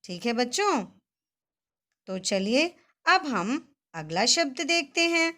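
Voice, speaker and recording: A woman teacher with a high, bright voice that leaps up and down as she coaxes young pupils. She breaks each Hindi word into syllables and repeats them slowly. Between words she cheers the class on in an animated, sing-song way. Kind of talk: children's Hindi vocabulary lesson.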